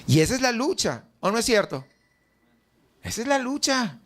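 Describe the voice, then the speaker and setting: A man's voice: very high voice, sing-song, normal speed, fairly bright tone. A male pastor with a Mexican Spanish accent preaching a sermon in church, asking the congregation question after question and acting out their doubts. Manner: asks the congregation many rhetorical questions; acts out the doubts of the faithful in a raised voice.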